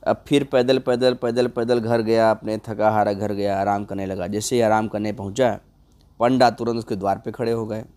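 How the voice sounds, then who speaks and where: A man's voice: fairly low pitch, little pitch movement, moderate pace, dark tone. A man narrating a comic folk tale in a loose, conversational way, addressing his viewers. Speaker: storyteller.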